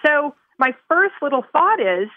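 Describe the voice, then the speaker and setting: Animated woman guest telling a story. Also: high voice, a little slow, no echo, narrow, tinny audio. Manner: animated storyteller, acts out her own lines. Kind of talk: casual podcast conversation.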